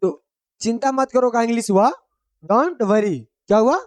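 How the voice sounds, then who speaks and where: Slow, patient Hindi-speaking English teacher man. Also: extremely high pitch, dry recording. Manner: drills each phrase with repeated quiz questions; simple, homely explanations. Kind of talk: Hindi-language English lesson.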